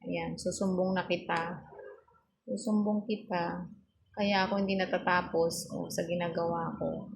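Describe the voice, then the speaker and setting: A woman's voice: lowish voice, little pitch movement, a little slow, vocal fry, slight background noise. A woman chatting casually in a vlog, teasing and coaxing her pet in playful baby talk while addressing her viewers.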